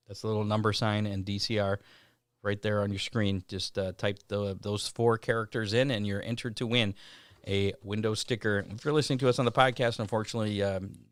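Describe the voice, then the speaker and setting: A man hosting a racing show, reading event schedules in a casual way with many "uh" pauses. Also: on the low side, no echo, clean studio sound. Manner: reads schedules with frequent "uh" pauses. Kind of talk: casual racing news rundown.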